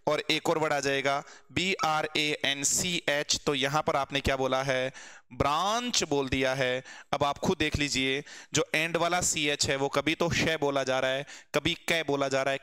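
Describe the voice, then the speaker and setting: A man's voice: a little high, sharp tone, smooth. A man teaching an online grammar class for exam students, often asking the class a question and answering it himself. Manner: addresses students as friends, asks and answers his own questions. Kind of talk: online exam-prep lesson.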